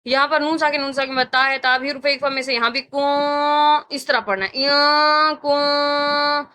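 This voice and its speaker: A woman's voice: high voice, steady tone, pushed and bright. A woman with a Pakistani Urdu accent teaching Quran recitation rules, explaining each rule and patiently repeating sounds several times for students to copy. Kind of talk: tajweed lesson with slow chanted recitation.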